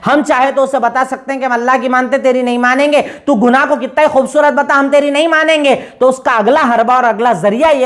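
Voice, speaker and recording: A woman with a slightly high voice, an Islamic preacher, delivers an emphatic religious lecture. She poses rhetorical questions and answers them herself, and recites Arabic verses slowly.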